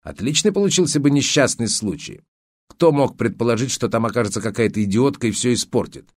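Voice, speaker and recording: A man's voice: mid-range voice, lively intonation, fairly quick, no room sound, clean studio sound, close to an everyday voice. A male audiobook reader voicing a cynical, scheming middle-aged photographer who talks in a sneering, mocking, defensive way. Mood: scornful. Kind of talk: audiobook character voice.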